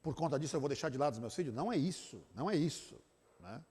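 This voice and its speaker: A man with a Brazilian accent, a pastor giving a church talk to couples, telling animated family stories and tagging his sentences with a questioning aside. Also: a little high, fast, husky. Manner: animated storyteller, acts out family scenes; tags sentences with "né?". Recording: long reverb of a church hall.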